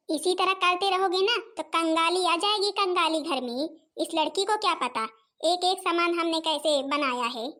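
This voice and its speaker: A woman's voice: very high-pitched, a bit bright. A woman voicing a stern, stingy middle-aged mother-in-law in a cartoon, scolding harshly. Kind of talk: cartoon voice acting.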